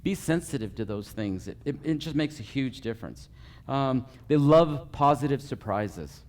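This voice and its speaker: A man stands before a live group and teaches customer service point by point. He numbers each item and keeps checking in with a quick "okay?" at mid pitch. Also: animated, darkish tone. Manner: runs through a numbered list, checking in with frequent okays. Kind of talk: live training talk to a group. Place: meeting room with a live audience.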